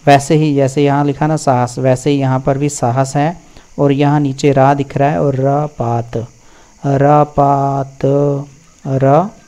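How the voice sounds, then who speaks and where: A man's voice: medium pitch, little pitch movement, warm tone, clean tone. A man teaching the pronunciation of Vedic mantras, drawing out syllables one by one in a patient spoken recitation lesson. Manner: patient, drawn-out syllable-by-syllable drilling.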